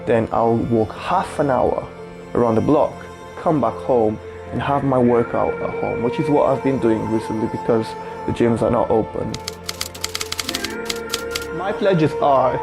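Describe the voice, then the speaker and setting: Earnest twenties male from Portugal, conversational documentary narration over music. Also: mid-range voice. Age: 20s. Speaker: vlogger.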